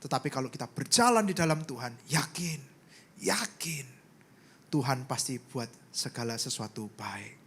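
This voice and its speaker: A pastor with an Indonesian accent preaching a sermon in church, telling a story with loud bursts and soft asides. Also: male voice, medium pitch, expressive, normal speed, breathy edge.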